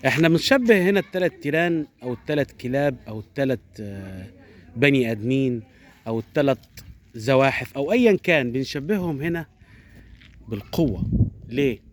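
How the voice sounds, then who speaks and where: Speaking straight to his viewers, an Egyptian Arabic-accented storyteller recounts a traditional animal fable in a casual, animated way, often wandering off on tangents. His voice is medium-pitched and fast, though broken up by long pauses.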